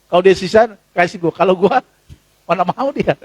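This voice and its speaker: A male pastor preaching a sermon in a conversational, animated way, jumping to high exclamations and dropping to low asides as he addresses the congregation. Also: moderate pace, dry recording. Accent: Indonesian. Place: church.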